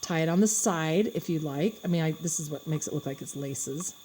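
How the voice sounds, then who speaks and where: Mellow-voiced woman demonstrating a craft. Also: deep voice, a little fast, a little hiss or hum. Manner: chatty, thinking aloud while working. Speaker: craft instructor.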